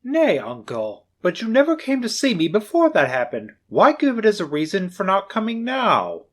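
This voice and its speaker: A man doing a bright, earnest young nephew. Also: high voice, wildly swooping pitch, moderate pace, pitched above the performer's own voice, heavily acted. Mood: earnest, cheerful. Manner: earnest, pleading. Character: cheerful, warm-hearted young nephew.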